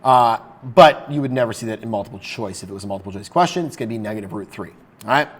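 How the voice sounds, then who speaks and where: A man's voice: fairly low pitch, expressive, fast talker, slightly rough. A man teaching a math lesson in a casual, upbeat way, talking straight to his viewers. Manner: upbeat, chatty, talks to viewers directly.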